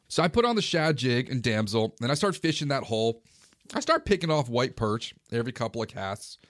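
Man, forties, mid-pitched voice, casual storytelling, dry close sound. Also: no echo. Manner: relaxed, conversational recounting. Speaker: fishing vlogger. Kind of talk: casual first-person storytelling.

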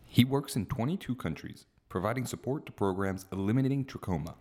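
A man hosting a podcast, reading scripted narration in a steady, even way. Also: lowish voice, fairly quick. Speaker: podcast host.

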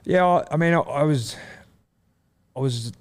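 This guest is a man from country New South Wales who once played rugby league, and he spins casual yarns in his Australian accent. He talks a little slowly in a fairly high-pitched voice, rambling along with plenty of fillers and restarts.

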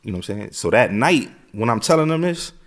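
A man's voice: mid-range voice, sing-song, quick pace. A middle-aged American man, an interview guest, telling his story in a casual streetwise way, with phrases repeated. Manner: streetwise, repeats phrases, frequent "you know what I'm saying".

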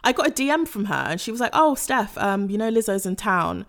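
A young woman, a podcast guest, telling a story in casual chat, laughing and acting out quotes in a high voice. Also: sing-song, fairly quick, a bit bright.

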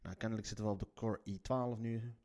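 Speaking fast in a low-ish, fairly even, slightly mellow voice, a man hosts a show and reads the newspaper aloud. His accent is Leiden Dutch with a slight Moroccan tinge. His chat is loose and rambling, packed with swearing and tangents.

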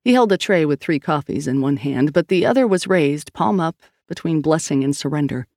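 Gravelly woman audiobook narrator. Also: deep voice, expressive, a little fast, darkish tone, no room sound, studio quality. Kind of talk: scripted narration.

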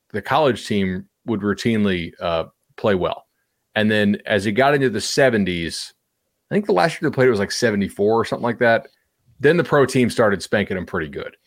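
A man talking casually on a podcast as a sports betting analyst, animated and chatty with lots of fillers. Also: lowish voice.

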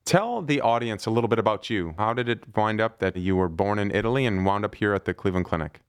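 A man with a low voice hosts a podcast and asks his guest questions in a friendly, conversational way. The sound is close and dry, with no room around it. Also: fast talker, smooth, no room sound. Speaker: podcast host and surgeon. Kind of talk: podcast interview.

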